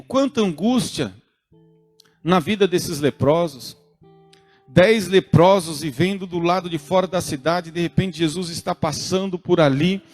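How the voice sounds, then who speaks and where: High-voiced Brazilian preacher, earnest sermon. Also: male voice, darkish tone. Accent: Brazilian Portuguese. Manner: earnest, rising to emphatic urging. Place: church service streamed online.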